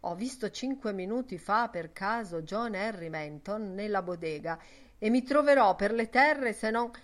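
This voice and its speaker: A woman reading voicing Ben Dollard, a burly, blustering older man with a booming, gruff manner, in an audiobook. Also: lively intonation, moderate pace, close to an everyday voice. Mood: boisterous.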